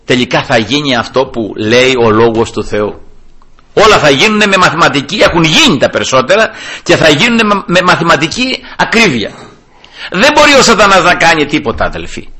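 A man's voice: fairly high pitch, big pitch swings, pushed and bright, husky. A man preaching a sermon, emphatic, often calling out to the congregation as brothers and rising sharply when he quotes scripture. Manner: addresses listeners as brothers.

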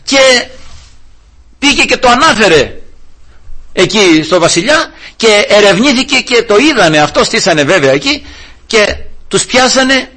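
Guy preaching a sermon, high bright voice, kinda husky, tells it like a story. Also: big pitch swings. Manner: addresses listeners as brothers, storytelling. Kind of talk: sermon retelling a Bible story.

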